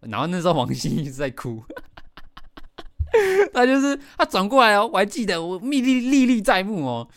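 A middle-aged man with a Taiwanese Mandarin accent hosts a podcast, telling a story in an animated way with lots of fillers and laughs. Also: high voice, fast talker, few pauses, no echo. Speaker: podcast host. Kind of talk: casual storytelling.

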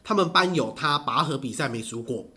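A man, telling stories in casual chat, animated and laughing often. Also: medium pitch, a little fast.

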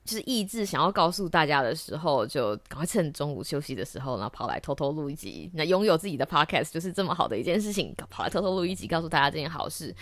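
A woman hosting a podcast, telling a story in a casual, animated way, laughing often and slipping into English phrases. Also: sits low, dry recording. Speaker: podcast host. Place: office during lunch break.

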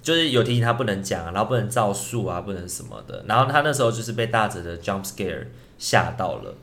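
Brief: low-pitched podcast co-host, rambling ghost-story teller with frequent restarts. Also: male voice, expressive, quick pace, a bit bright. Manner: rambling, with many restarts and filler words. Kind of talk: casual ghost-story chat. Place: indoor recording at night.

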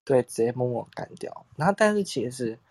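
Young male podcast co-host, husky mid voice, chatty and laughing, dry close recording. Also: mid-range voice, sing-song, fairly quick, darkish tone, no echo. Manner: rambling storytelling, acts out quotes, laughs often. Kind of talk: casual chat.

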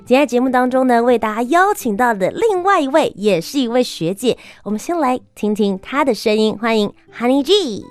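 A woman's voice: fairly high pitch, animated, fairly quick, few pauses, soft background music. A woman hosting a show and interviewing a guest in a presenter's style. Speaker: host.

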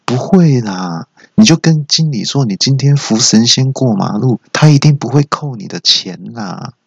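A man voicing an old woman who claims to be a goddess, speaking in a slow, measured way. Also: medium pitch, animated, creaky, breathy edge, no room sound, pitched above the performer's own voice. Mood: serene. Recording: dull lo-fi recording.

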